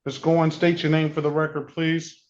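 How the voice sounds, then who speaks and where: A judge presides in a courtroom recording, his fairly high, darkish voice flat and moderately paced as he calls cases, gives procedural instructions matter-of-factly, and repeats key points. The lo-fi courtroom audio sounds dull, with faint hiss.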